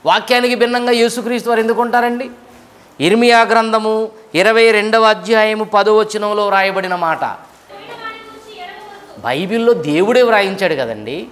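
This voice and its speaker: A man's voice: high voice, moderate pace, long pauses, a bit bright. A middle-aged man from India preaching a sermon, asking questions and pressing his points with rising and falling intensity. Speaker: pastor.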